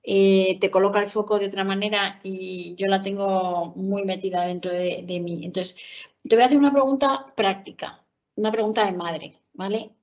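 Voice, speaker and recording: A woman's voice: mid-range voice, fairly even intonation, moderate pace, darkish tone. A woman with a Spain Spanish accent, a teacher and mother moderating a webinar, working her way through a question with restarts. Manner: thinking aloud with restarts. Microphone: video call. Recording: dull video-call audio.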